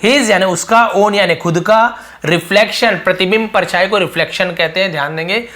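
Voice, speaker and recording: A man with a high voice, teaching English. He reads each English phrase out slowly and deliberately, then breaks it down in quick, chatty Hindi, asking questions and answering them himself. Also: bright, forceful tone. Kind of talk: lesson explaining an English story line by line.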